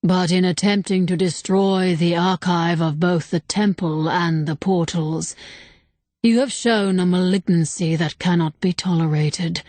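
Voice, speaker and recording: A woman voicing a calm, ancient male temple spirit. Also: on the low side, no echo. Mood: calm regretful. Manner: calm, regretful, unhurried. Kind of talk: audiobook character voice.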